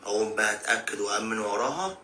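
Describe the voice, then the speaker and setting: A man's voice: fairly low pitch, lively intonation, fast talker, background noise, lightly acted. A man with an Egyptian accent playing a cheating husband in a short skit, scheming and talking aloud to himself. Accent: Egyptian Arabic. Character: cheating husband plotting behind his wife.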